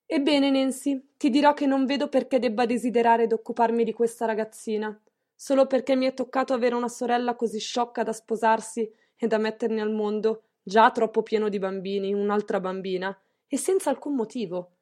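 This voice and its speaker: A woman's voice: on the high side, moderate pace, dark tone, close to an everyday voice. A woman reading an audiobook, voicing a stern, wealthy middle-aged mistress who speaks curtly and severely. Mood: haughty. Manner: curt, severe, clipped.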